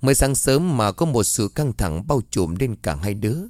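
A man reading a first-person horror story aloud in a slow, suspenseful narrating manner. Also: lowish voice, sing-song, darkish tone, no room sound.

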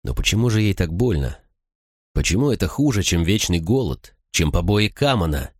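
A man narrating an audiobook in an expressive storytelling manner. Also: low-pitched, normal speed, husky, no echo, clean studio sound. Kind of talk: scripted narration.

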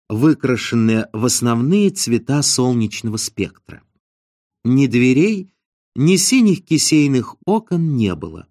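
A man narrating an audiobook in an expressive, ironic storytelling manner. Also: on the high side, dry recording, clean studio sound.

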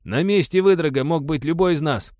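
A man's voice: a little high, fairly quick, a little mellow, no echo, studio quality, pitched above the performer's own voice, close to an everyday voice. A man voicing an agitated male miner who fervently rallies his comrades. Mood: rousing. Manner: fervent, rousing.

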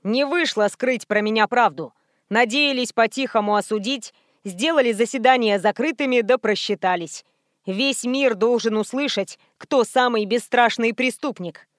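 A woman's voice: fairly high pitch, moderate pace, dry recording, clean studio sound, close to an everyday voice. A woman reading an audiobook voices a boastful, cold teenage boy who is a killer, speaking smugly and with cheerful callousness.

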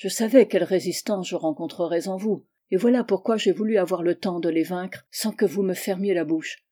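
A woman's voice: on the low side, brisk, breathy edge. A woman reading as an insistent young lover. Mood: pressing. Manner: forceful, pressing. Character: insistent passionate young man declaring love. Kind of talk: audiobook reading of a novel.

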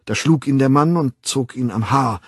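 A man reading an audiobook in a measured, grave storytelling manner, close to the mic. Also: medium pitch, slightly rough, no echo. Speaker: narrator. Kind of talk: scripted audiobook narration.

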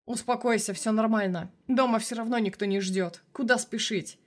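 A cool-headed young hero answers in a dry, wry, even voice, read by a woman in an audiobook. He sounds unbothered and a little cheeky. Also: on the high side, moderate pace, natural voice.

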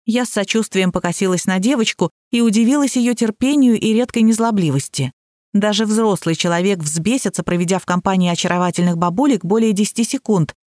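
A woman narrating an audiobook in a wry, ironic tone. Her voice sits at a middle pitch, and the recording is dry and close. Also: brisk, darkish tone, no room sound.

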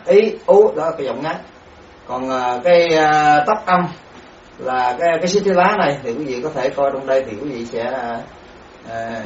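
Man giving a halting dharma lecture, echoey room. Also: medium pitch, a little hiss or hum. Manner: halting, repeats words, spells out sounds. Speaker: Buddhist monk teacher. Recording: echoey room, distant mic, dull sound.

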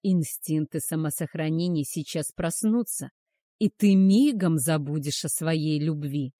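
A woman voicing a cruel, brooding male werewolf hunter who speaks harshly and loudly. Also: sits low, unhurried, no echo. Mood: menacing. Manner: harsh, menacing, loud.

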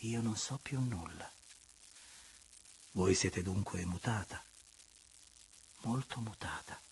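A man voicing an elegant, guarded young noblewoman in an audiobook reading, in a soft, half-whispered delivery. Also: fairly low pitch, slow, gravelly, slight background noise.

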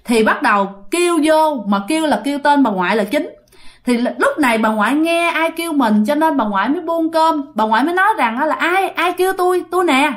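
A woman with a Southern Vietnamese accent telling a ghost story in an animated way, speaking straight to her listeners. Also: sits high, brisk.

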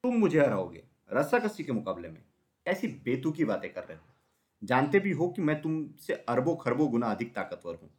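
A big, scornful hippo from a children's storybook, booming out his boasts in a raised, loud voice, as a male narrator puts him on. He talks down with threatening pride. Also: expressive, moderate pace, close to an everyday voice. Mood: scornful bullying.

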